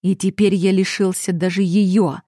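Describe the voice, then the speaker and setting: A woman voicing a grief-crazed middle-aged nobleman father who shouts, accuses and threatens. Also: medium pitch, flat delivery, normal speed, no echo, clean studio sound, natural voice. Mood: despairing.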